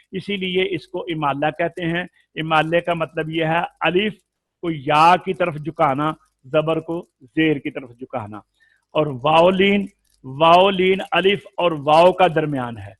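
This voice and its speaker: A man's voice: on the high side, no echo. A man teaching Quran recitation in an explanatory lesson, patiently drawing out vowel sounds to demonstrate them.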